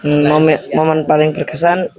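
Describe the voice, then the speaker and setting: Slightly high-voiced male student from Semarang, hesitant, halting answers. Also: flat delivery, a crowd in the background. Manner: hesitant, many fillers. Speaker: interviewed student.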